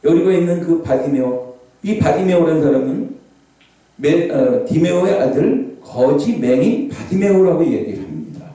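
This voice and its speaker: A man preaching a revival sermon as a pastor, animated, sometimes shouting out scripture cries. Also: on the high side, normal speed. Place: large prayer hall. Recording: echoey hall, voice from far off.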